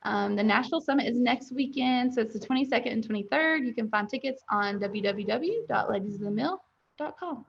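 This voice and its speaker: Young woman on a webinar call, kinda gravelly and a bit high, muffled lo-fi sound. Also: lively intonation, fairly quick. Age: young adult. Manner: candid, chatty, laughs easily. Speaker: dental lab owner and guest. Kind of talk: webinar interview. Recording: dull lo-fi call audio.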